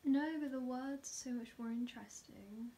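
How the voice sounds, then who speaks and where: A woman's voice: a little high, moderate pace, dark tone. A woman chatting casually and asking questions, recorded on a phone at home.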